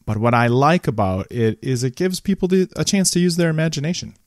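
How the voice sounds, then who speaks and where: A man co-hosts a podcast from a home basement, chatting casually and laughing as he rambles through his thoughts. His voice is fairly high and a little fast. The recording is studio quality with no echo.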